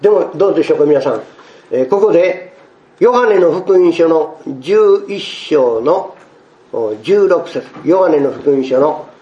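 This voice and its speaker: A male pastor preaching a sermon to his congregation, expressive and acting out the quoted speech. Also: fairly high pitch, reverberant, dull audio.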